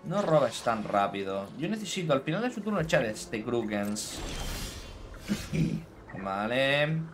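A man giving live gameplay commentary as a streamer, animated, taunting his opponent and dropping in English phrases. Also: medium pitch, slow pace, over music.

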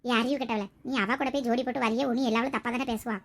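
Woman voicing a bossy mother-in-law, Tirunelveli accent, quick scolding, sketch drama. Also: fairly high pitch, fairly even intonation, pitched below the performer's own voice. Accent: Tirunelveli Tamil. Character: harsh scolding middle-aged mother-in-law.

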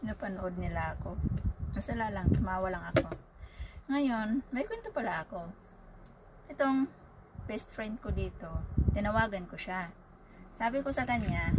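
A woman vlogger from the Philippines, telling a prank story in a chatty, animated way in her bedroom. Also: mid-range voice, noisy background. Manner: chatty, animated retelling with laughter. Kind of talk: casual storytelling vlog.

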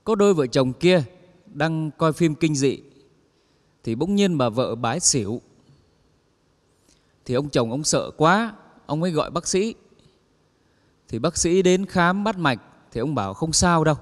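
Male stand-up storyteller, higher-pitched, voices the characters in his jokes; long reverb of a large hall. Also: measured pace, long pauses. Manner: lively storyteller acting out quoted characters. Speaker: comedian telling jokes on stage. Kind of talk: stand-up joke telling.

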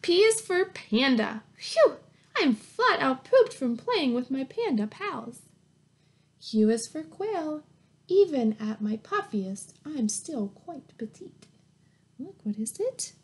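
High-pitched and slow, with big swings in pitch, a woman in her thirties reads a picture book to young children like a teacher. She sounds encouraging and sing-song, asking simple questions and praising them. It's captured at home in a small, plain room on a webcam or laptop mic held at arm's length.

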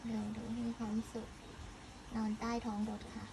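A cat vlogger talks casually and playfully to a stray cat and her viewers, coaxing the cat with short, repeated phrases and cooing questions. Her voice is a little high and monotone, at a moderate pace, over a noisy background.

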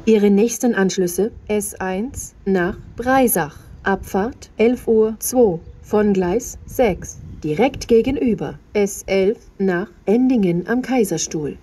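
A woman reading flat, scripted railway platform announcements in measured, separate phrases as a station announcer. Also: medium pitch, a little hiss or hum.

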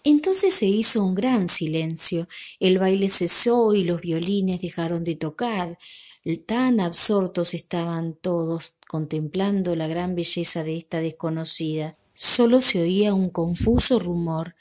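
A woman narrating a classic fairy tale in a measured, expressive storybook reading. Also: lowish voice.

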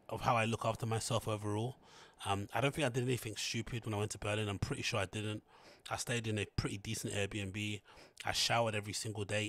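A man's voice: lowish voice, fairly bright tone, no echo. A British man chatting casually as a solo host, talking with his mouth barely open and muddy, marble-mouthed from tonsillitis. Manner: muffled, mouth barely opened, closed-mouth talking. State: recovering from tonsillitis. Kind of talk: casual rambling chat. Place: small plain room indoors. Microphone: large close studio mic with foam cover.

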